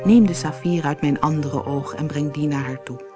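Storybook prince: kind, sorrowful, softly pleading, low voice, faint music behind, read by a woman. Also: moderate pace, natural voice. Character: kind statue prince, gentle and sorrowful man.

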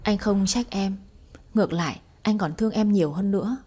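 Protective young man read by a woman, mellow husky voice, soft when tender, sharp when angry, storybook. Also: mid-range voice, moderate pace, natural voice.

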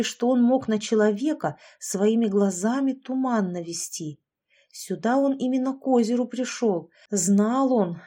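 A woman's voice: medium pitch, mellow, natural voice. A woman voicing a weary old village man. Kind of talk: audiobook character voice.

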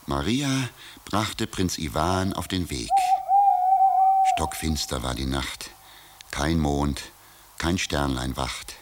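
A man's voice: extremely low pitch, slow pace, long pauses, heavy background noise. A man narrating a fairy tale from a script as a storyteller.

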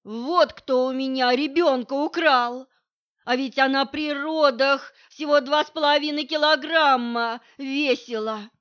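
A woman reader playing a drunk middle-aged mother, shrill and accusing. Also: steady tone, a little slow, fairly bright tone. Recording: dull lo-fi recording.

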